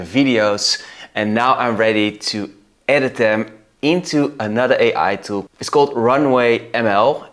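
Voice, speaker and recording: A middle-aged man with a Dutch accent casually walking through software on screen, thinking aloud. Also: mid-range voice. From Netherlands. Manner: relaxed, thinking aloud, laughs at results. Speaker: video host. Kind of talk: casual screen-recording tutorial.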